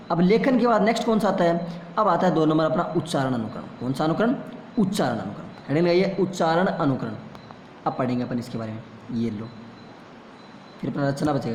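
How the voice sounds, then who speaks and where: A man with a high, slightly mellow voice gives a classroom lecture, posing questions and answering them himself. The room is echoey with a long reverb, and there's a faint hiss or hum.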